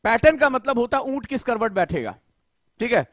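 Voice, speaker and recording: High-pitched man lecturing exam aspirants. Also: sing-song, brisk, no room sound, studio quality. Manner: lecturing, rhetorical questions, scolding students. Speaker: teacher.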